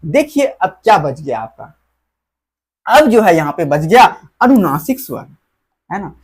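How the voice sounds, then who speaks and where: A woman teacher walks students through a grammar lesson. Her voice moves lively up and down as she explains, stretches out example vowels and keeps asking rhetorical questions. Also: on the low side, husky. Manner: explains slowly with rhetorical questions, calls listeners dear children; drags out example vowels when demonstrating.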